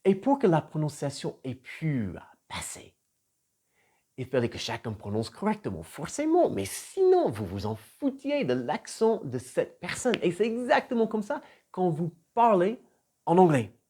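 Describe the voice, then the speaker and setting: An American English trainer and author from Florida, a native English speaker, gives a motivational video lesson. His slightly high, slightly rough voice is warm and lively at a measured pace. He is animated and emphatic, swinging between loud punches and soft drops.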